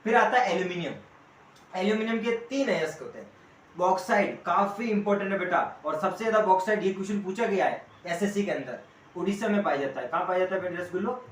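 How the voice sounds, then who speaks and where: A man's voice: sits high, expressive, fast talker. A man teaching an online coaching class in a chatty way, calling students by pet names and quizzing them as he goes. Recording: echoey room with faint ambient noise.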